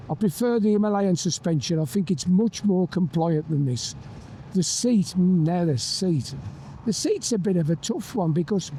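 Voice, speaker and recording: A British man with a notably high, soft-toned voice talks through a motorbike helmet intercom. He keeps up a casual, colloquial riding commentary, with faint engine and wind noise around him. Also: low-quality recording. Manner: chatty, colloquial British turns of phrase with tag questions. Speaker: motorcycle review vlogger and presenter. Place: outdoors, riding a motorbike on roads. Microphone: microphone inside a motorbike helmet. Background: faint vehicle and wind noise.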